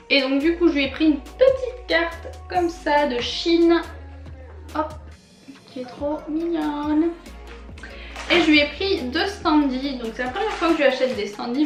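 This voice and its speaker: A woman's voice: high voice, roomy sound. A young woman chatting enthusiastically as she shows off her purchases in a casual vlog, with many fillers and laughs. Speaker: vlogger.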